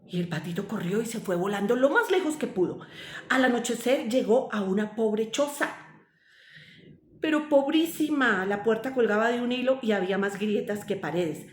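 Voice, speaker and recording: Expressive woman reading a tale. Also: on the high side, normal speed, slight background noise. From Colombia. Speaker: storyteller. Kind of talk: read-aloud fairy tale. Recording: roomy echo.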